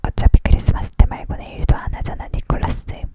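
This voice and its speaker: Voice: fast talker, close to an everyday voice. A reader voicing a teasing, blunt female dream maker in a whispered role-play of a storybook, needling and scolding. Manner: needling, contradicting.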